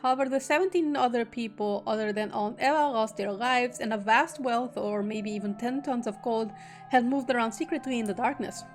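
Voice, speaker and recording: A woman's voice: fairly high pitch, a little fast, soft background music. A woman streamer reading a visual novel aloud, breaking off now and then into joking casual asides. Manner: reads narration steadily, breaks off into joking asides.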